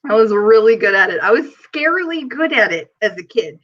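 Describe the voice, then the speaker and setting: A woman's voice: a little high, sing-song, brisk, fairly bright tone. A woman hosting a casual livestream chat, giggly and talkative, reading viewer comments aloud. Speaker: livestream host. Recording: dull lo-fi stream audio.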